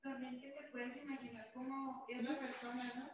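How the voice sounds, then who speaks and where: A class participant asks questions and steers the discussion along. The voice is picked up from far off, in a very echoey room with clear noise behind it. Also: high voice, little pitch movement, moderate pace. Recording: distant, noisy, very echoey.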